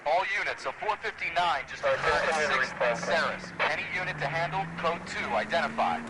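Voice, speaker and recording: An actor playing a brisk, impersonal 1940s police dispatcher over the radio, making formal procedural announcements. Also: male voice, a little high, lively intonation. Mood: businesslike. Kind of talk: police dispatch in period crime game. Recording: very noisy police radio in car.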